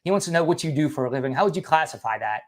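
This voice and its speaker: A man hosting a livestream, asking questions and talking in quick, loose, repetitive phrases. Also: a little high, animated. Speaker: livestream host. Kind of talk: casual livestream chat.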